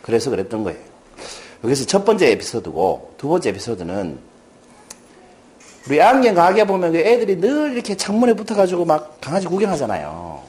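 A man's voice: on the high side, brisk. A middle-aged man giving a storytelling lecture to a class, often asking the audience questions. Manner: animated, addresses audience with questions.

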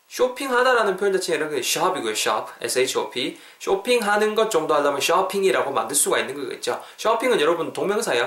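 A man hosting a podcast English lesson, lively and playful, drilling phrases over and over. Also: fairly high pitch, roomy sound. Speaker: English teacher, podcast host.

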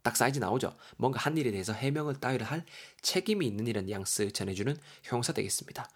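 Male language teacher with a husky voice, casual and talkative, walks through words letter by letter. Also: medium pitch, animated, quick pace. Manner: chatty, spells words letter by letter, reads example lines in English. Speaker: English vocabulary teacher. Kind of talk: casual vocabulary lesson.

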